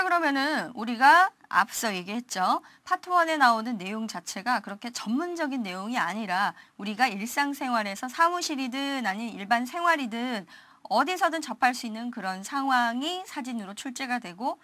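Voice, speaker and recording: A woman's voice: a little high, pushed and bright, no echo. A woman teaching a TOEIC listening class in a recorded online lecture, asking rhetorical questions and modeling English words with exaggerated pronunciation.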